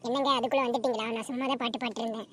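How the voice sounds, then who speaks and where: A woman voicing a sharp-tongued, quarrelsome housewife in a cartoon comedy, scolding loudly. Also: on the high side, steady tone, a little hiss or hum, natural voice. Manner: fast, scolding, loud.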